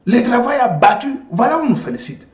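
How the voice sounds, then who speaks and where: A man's voice: very high voice, very animated, quick pace. Emphatic man host in a roomy space. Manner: emphatic, addresses listeners directly. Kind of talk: political commentary. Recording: roomy echo.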